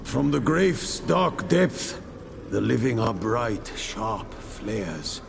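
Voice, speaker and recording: A man voicing a tormented, remorseful ghost of a squire in a video game, pleading and halting with a gravelly voice. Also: lowish voice, very animated, exaggerated voice. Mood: sorrowful. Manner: anguished, halting, pleading delivery. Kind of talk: dramatic video game voice acting. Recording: long ghostly reverb, noisy ambience.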